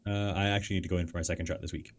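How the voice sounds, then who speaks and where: Low-voiced canadian guy on a podcast, chatty and sarcastic, explains stuff. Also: steady tone, rapid-fire. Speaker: podcast co-host. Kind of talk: casual political chat.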